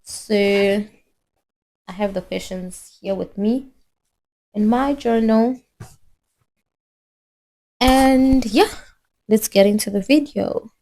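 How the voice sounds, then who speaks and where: A woman's voice: mid-range voice, extremely slow, pauses often, warm tone. A young woman from Zimbabwe vlogging in a chatty, rambling way, full of fillers and restarts, recorded on her phone. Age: young adult. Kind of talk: casual chat.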